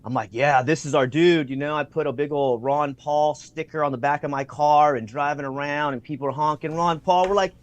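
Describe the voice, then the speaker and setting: Talking fairly quickly with hardly any pauses, a man with a slightly high, steady voice appears as a video-call guest, the audio dull. He's enthusiastic and full of fillers, acting out what people said in his stories.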